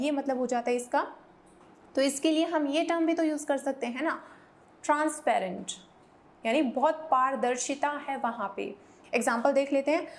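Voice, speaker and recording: A woman with a high voice teaches English vocabulary in a lesson. She explains each word in Hindi, then reads the English example sentences slowly and carefully. Now and then she urges the viewers to repeat each pronunciation aloud with her.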